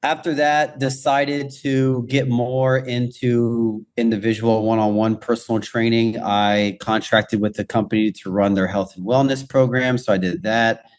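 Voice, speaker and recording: A man's voice: medium pitch, unhurried, hardly any pauses. A man from Houston, probably in his thirties, talking casually as a podcast guest about his fitness career. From Houston, Texas. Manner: relaxed, laughs easily. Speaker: guest, gym training director.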